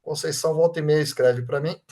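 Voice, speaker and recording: A Reiki master with a Brazilian Portuguese accent leads an online study group, reading out chat comments and thanking people by name. He's warm and informal, often tagging on "right?", and his fairly high voice is steady and a little fast.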